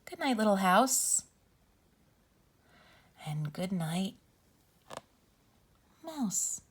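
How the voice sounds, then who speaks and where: A woman reading a bedtime picture book aloud for young children as a host, with deliberate phrasing. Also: mid-range voice, big pitch swings, a little hiss or hum. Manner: slow, deliberate phrasing for small children, drops into whispers.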